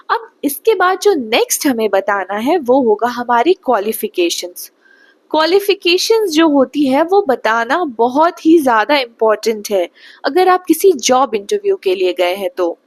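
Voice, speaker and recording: A young woman from Bihar teaching spoken English slowly and patiently, often checking whether the listener has understood. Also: sits high, no echo. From Bihar, India. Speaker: English tutor.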